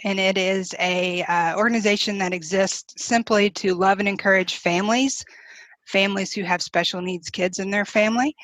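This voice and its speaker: A woman's voice: medium pitch, fairly even intonation, moderate pace, no echo. A woman in her forties, a guest on an interview show, chatty and easygoing, with fillers. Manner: warm, chatty, with light laughs and fillers. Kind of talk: casual interview.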